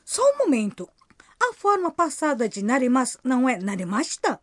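A woman's voice: high voice, wildly swooping pitch, normal speed, dry recording, studio quality. A woman presenting in a scripted lesson, asking questions with curiosity.

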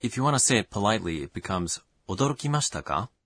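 A man's voice: on the low side, big pitch swings, fast, fairly bright tone, husky, no room sound, clean studio sound. A man acting as learner co-host in a scripted language lesson, asking and confirming questions.

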